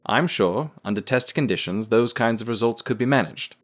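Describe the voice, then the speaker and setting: A man's voice: medium pitch, moderate pace, close to an everyday voice. A man playing a war veteran who writes a letter to his sister and speaks with wry, old-fashioned phrasing. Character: wry male war veteran, heir to a family firm. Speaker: narrator reading a letter. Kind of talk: radio drama narration.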